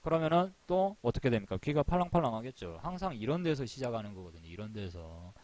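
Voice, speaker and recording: Animated man teaching a stock lecture. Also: mid-range voice, quick pace. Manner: animated, acts out little scenes in put-on voices. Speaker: stock market instructor. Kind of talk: live-streamed lecture.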